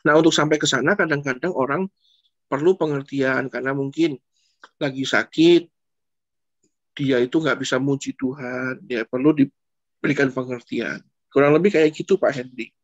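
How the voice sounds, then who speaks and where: A man speaking as a pastor, answering a question in a relaxed, conversational way. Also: normal speed. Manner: conversational, repeats "Pak" often, lively swings in pitch. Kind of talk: casual preaching answer in an online church session. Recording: dull lo-fi online stream audio.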